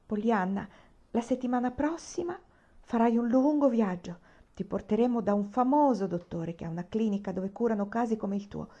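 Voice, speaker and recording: A woman's voice: a little high, moderate pace, mellow, natural voice. A woman doing an anxious, proud older aunt. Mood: tender. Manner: anxious, tender. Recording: dull lo-fi recording.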